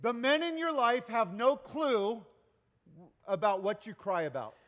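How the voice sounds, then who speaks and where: A man preaching a sermon as pastor, joking and animated, pausing for an interpreter. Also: extremely high pitch, big-room sound.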